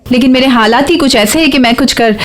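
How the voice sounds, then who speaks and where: A woman's voice: sits high, quick pace, close to an everyday voice. A young woman playing a tired office worker speaking earnestly in a TV drama. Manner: weary, earnest. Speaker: office employee. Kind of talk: TV drama dialogue.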